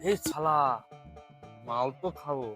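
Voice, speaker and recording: A man's voice: a little high, measured pace, lightly acted. Comedy skit: male actor as pushy, cursing town drunk, scheming and rambling, music behind. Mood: grumbling, determined. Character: brash, scheming village town drunk begging booze money. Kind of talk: broad comedy skit acting.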